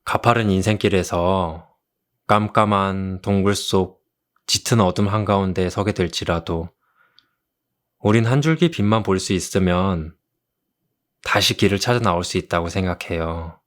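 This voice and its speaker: Low-voiced man in soothing ASMR role-play. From South Korea. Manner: gentle, consoling, slow storytelling; tender romantic leading-man delivery. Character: kind, soothing male therapist comforting a patient. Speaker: ASMR role-play performer as a counseling doctor.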